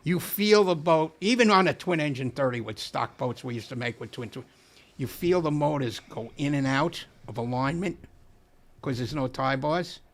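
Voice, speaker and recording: A man's voice: a little high, moderate pace. An older man, a guest on a podcast, chatting casually and joking. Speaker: guest, racing veteran. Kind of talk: casual chat.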